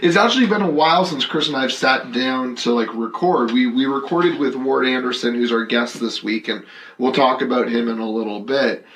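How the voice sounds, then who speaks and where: A young man co-hosts a relaxed podcast, telling stories with energy. He slips into other people's voices as he recounts them and laughs along. His voice sits at an ordinary middle pitch. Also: fairly quick, a little hiss or hum, low-quality recording. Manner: animated storyteller, acts out quotes with a laugh. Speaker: podcast co-host. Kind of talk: casual chat.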